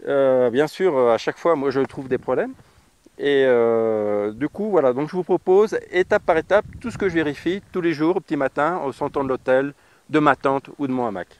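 This French motorcycle vlogger in his thirties sounds clear and resonant, with an animated, darkish mid-range voice at normal speed. Speaking to the camera on a grassy roadside, he gives a casual how-to in a blunt, slangy style packed with fillers. The lapel mic is on his riding jacket.

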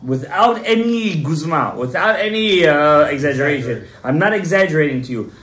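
A man's voice: fairly high pitch, animated, moderate pace, fairly bright tone. A man in his thirties, a rabbi giving an emphatic Torah class to a small group and quizzing his listeners. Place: synagogue study room, indoors. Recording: roomy echo.

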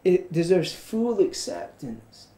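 A man's voice: sits high, sing-song, slow, warm tone, reverberant. A man preaching an earnest evening sermon as pastor, repeating phrases and restarting with stammers. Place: church.

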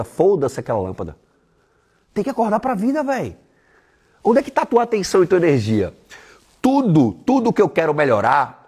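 A man's voice: on the high side, husky. A man giving a blunt, profane motivational talk on a live stream. He tells stories and mimics the people in them. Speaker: online weight-loss coach.

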